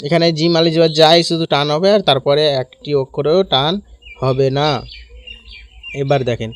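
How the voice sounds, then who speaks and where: A man teaching Quran reading in Bengali, spelling out letters in slow, drawn-out syllables and explaining quickly in between. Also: a little high, steady tone, slight background noise. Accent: Bangladeshi Bengali. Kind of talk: spelling-out recitation lesson.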